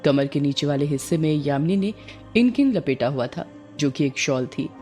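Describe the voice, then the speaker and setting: A woman narrating a scripted audio story in a calm, descriptive way. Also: deep voice, moderate pace, faint music behind.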